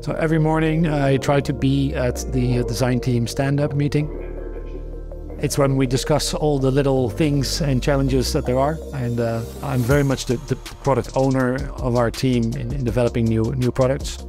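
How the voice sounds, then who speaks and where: Speaking over music, a middle-aged, Dutch-accented man from the Netherlands talks as a company founder in a documentary interview. His medium-pitched voice stays steady at a moderate pace, and he's thoughtful, restarting often and using plenty of fillers.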